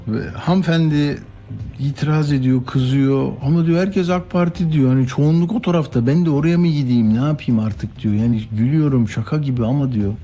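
A man's voice: medium pitch, fairly quick, mellow, soft background music. A man hosting a news show, giving informal, rambling conversational commentary.

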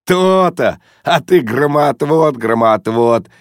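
Guy doing a cheeky loudmouth, jumpy high voice, kinda gravelly. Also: animated, unhurried, dry recording, studio quality. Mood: cheeky, brash. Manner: boisterous, teasing, shouty bursts. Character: brash overfamiliar loud man, mocking, pushy.

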